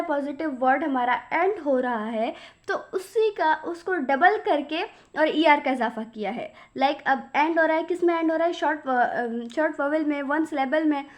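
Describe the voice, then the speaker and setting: A woman teaching a grammar lesson to students, asking questions and answering them herself, with English terms mixed into her explanation. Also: high voice.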